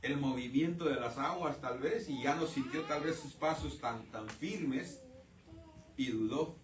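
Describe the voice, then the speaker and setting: A man preaching a sermon in a church, calling his listeners brothers and swinging from loud outbursts to quiet asides. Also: medium pitch, unhurried, distant mic, a crowd in the background. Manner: addresses the congregation as brothers. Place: church sanctuary. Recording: roomy church sound from off-mic.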